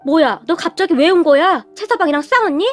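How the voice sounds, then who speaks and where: A woman's voice: extremely high pitch, lively intonation, a little fast, faint music behind. A woman voicing a worried, fretful middle-aged mother.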